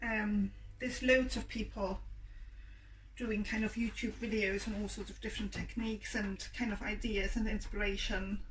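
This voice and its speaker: In a casual demo video filmed at home, a yarn dyer and shop owner talks at a moderate pace with a croaky, medium-pitched voice that barely moves in pitch. She hesitates often with ums and clears her throat, recorded from a distance with a hot plate humming faintly nearby.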